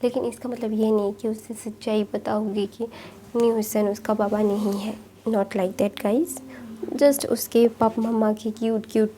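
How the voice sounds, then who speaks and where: A woman's voice: medium pitch, fairly even intonation, measured pace, warm tone, a little hiss or hum. A woman casually retelling a fan fiction story in a chatty way, full of small fillers. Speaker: story narrator.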